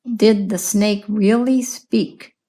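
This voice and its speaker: A woman teaching English in a slow, clear lesson, patiently asking questions and repeating answers. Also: medium pitch, steady tone, warm tone. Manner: patient, repeats and explains words.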